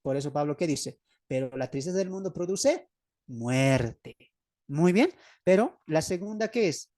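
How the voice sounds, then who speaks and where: This man's Bible study lesson, delivered online by video call, carries a Bolivian Spanish accent and a fairly high, warm voice with lively intonation and a slightly slow pace. He questions his listeners, answers himself and repeats key phrases to drive them home. Studio quality, with no room sound.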